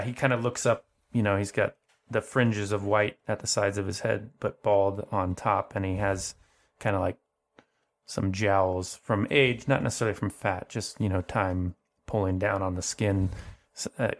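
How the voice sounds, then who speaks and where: A man narrating as game master, rambling and full of fillers. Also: fairly low pitch.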